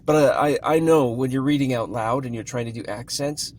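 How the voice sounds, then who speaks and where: A man's voice: medium pitch, brisk, a little mellow, slight background noise. A man giving a casual spoken book review, rambling and hesitant with many restarts, easygoing and amused.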